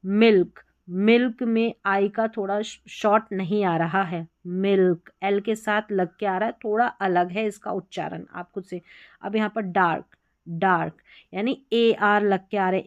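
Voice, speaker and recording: A woman with an Indian accent teaching an exam-prep grammar lesson, explaining step by step and repeating examples slowly. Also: mid-range voice, no room sound.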